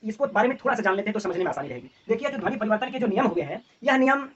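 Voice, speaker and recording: A man's voice: high voice, animated, racing, a bit bright, slight background noise. A man teaching an exam-prep lecture at a board. He explains with examples and keeps asking his class "right?", recorded from a distance on a dull lo-fi mic.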